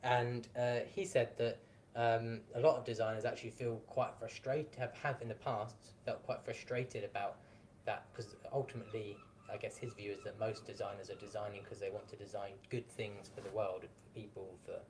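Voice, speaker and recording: A man with a fairly low voice runs a casual interview in a chatty way, with joking asides. A faint rumble can be heard behind him. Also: flat delivery, moderate pace.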